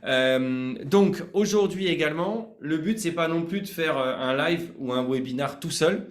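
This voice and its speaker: A man's voice: on the high side, unhurried, roomy sound. A man hosting a live online sales training, chatty and informal, hesitating often with fillers.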